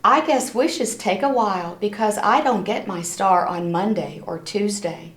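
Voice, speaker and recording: A woman reads aloud from a children's storybook with expression, keeping a measured pace in a medium-pitched voice. She narrates simply and occasionally speaks directly to listeners; background noise and room echo are audible.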